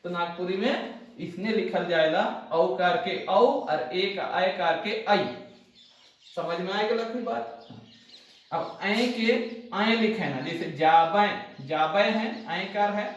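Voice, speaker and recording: A man's voice: high voice, slow, recorded from a distance, highs cut off. A man with a Nagpuri accent teaching an exam-prep lesson, explaining step by step, repeating lists and asking if the class understood. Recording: echoey room, voice from off-mic.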